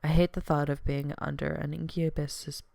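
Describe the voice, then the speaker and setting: A woman's voice: low-pitched, flat delivery, normal speed, vocal fry, darkish tone, no room sound. A woman streamer reading a story aloud, reading the narration evenly and then breaking off into chatty, giggly asides.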